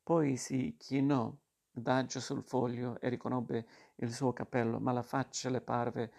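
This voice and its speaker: A man reading a novel aloud, in a steady monotone with occasional restarts. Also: mid-range voice, measured pace, creaky. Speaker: reader.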